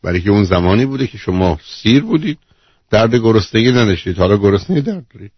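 A man's voice: lowish voice, expressive, slightly rough, dry recording, lo-fi sound. A man hosting a call-in advice show, bluntly interrupting and lecturing the caller. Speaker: radio advice host. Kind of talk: call-in counselling.

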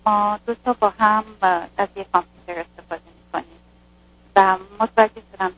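A woman calling in to a radio show, speaking in a hesitant, halting way. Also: mid-range voice, steady tone, faint music behind. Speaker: caller. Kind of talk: phone call to radio show. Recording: faint, muffled phone line.

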